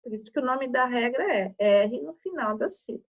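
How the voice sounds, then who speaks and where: A woman's voice: on the high side, fairly quick, lo-fi sound. A woman teacher with a Brazilian Portuguese accent giving a recorded spelling lesson to children, patiently stretching out example words syllable by syllable.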